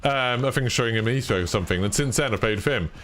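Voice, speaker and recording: A man's voice: medium pitch, racing, a bit bright, slight background noise. A British man chatting casually with his stream audience, full of "like" and self-deprecating asides. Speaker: streamer reading chat. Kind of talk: casual live-stream chat.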